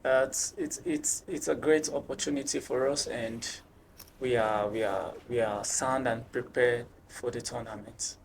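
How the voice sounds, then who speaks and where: A man with a gravelly, creaky voice, speaking as a football team captain in an interview. He talks haltingly, stumbling over and repeating words. Light noise sits under the recording. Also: medium pitch, expressive. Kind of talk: interview answers.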